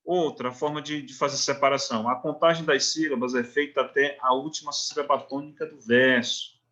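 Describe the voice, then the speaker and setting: A Brazilian Portuguese-accented man delivers a recorded online literature lecture, reading lines of verse one syllable at a time and frequently asking brief check-in questions. He speaks fairly quickly in a mid-range voice with a steady, bright and forceful tone.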